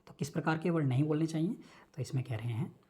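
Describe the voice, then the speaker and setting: A man giving an online lecture, explaining each term slowly with many repetitions and check-ins. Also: a little high, mellow. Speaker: Sanskrit teacher.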